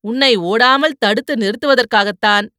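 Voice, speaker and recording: Teasing young warrior in an audiobook, put on by a woman, playful banter, dry close sound, fairly high voice. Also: moderate pace, pushed and bright, dry recording.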